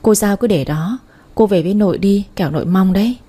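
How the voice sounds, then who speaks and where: A woman voicing a meek, downtrodden sister-in-law and mother who speaks in a soft, resigned way. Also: mid-range voice, brisk, slightly rough, natural voice.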